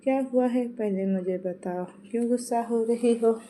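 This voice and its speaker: A woman's voice: fairly high pitch, normal speed, a little hiss or hum, natural voice. Woman doing a patient young husband. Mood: soothing. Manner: calm, placating.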